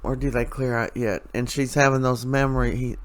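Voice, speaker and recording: A man's voice: medium pitch, fairly even intonation, moderate pace. A middle-aged man hosting a casual soap opera recap, talking in an emotional, rambling way with many fillers.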